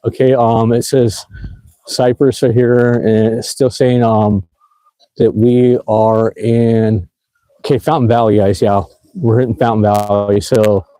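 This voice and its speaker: This e-bike vlogger speaks in a lowish, mellow voice with a level tone and moderate pace while livestreaming a night ride through the city. His talk is rambling and relaxed, packed with fillers and laughs. Audio is poor, with no room sound.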